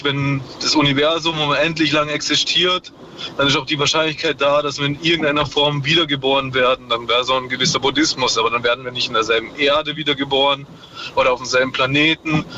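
Driving along, this man calls a radio chat show over his car's hands-free speakerphone, thinking aloud in a hesitant way full of fillers. He has a mid-range voice with a sharp tone, and the speakerphone line sounds muffled with a little background noise.

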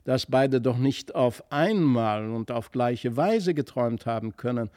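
A man reading aloud plays a thoughtful noble father in a storybook, musing and deliberate. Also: medium pitch, animated, mellow, no echo, studio quality, lightly acted. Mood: pondering.

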